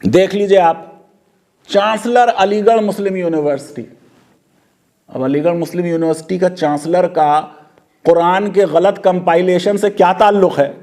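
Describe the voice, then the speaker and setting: Male legal commentator, high-pitched, sarcastic and full of rhetorical questions. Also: steady tone, moderate pace, a little mellow.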